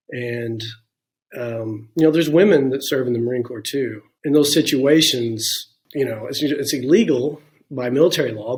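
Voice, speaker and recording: A man in his forties with a medium-pitched, darkish voice is a guest in an interview. He tells his own story candidly and reflectively, often saying "you know" and "um" along the way.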